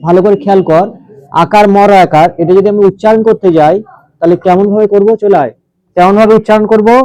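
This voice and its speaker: A man with a high voice teaches a grammar lesson to a classroom, breaking each point into small steps. He keeps stopping to put questions to his students. The sound is close and dry. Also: darkish tone, no echo, rough recording. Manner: explains step by step, asks the class questions.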